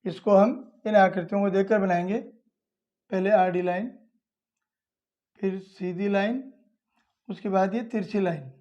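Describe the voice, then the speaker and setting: A woman speaks slowly and patiently, walking young children through a lesson one step at a time. Her voice is mellow and a little dark. The recording sounds dull and lo-fi. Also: medium pitch, steady tone. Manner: patient, repeats each step plainly. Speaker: teacher.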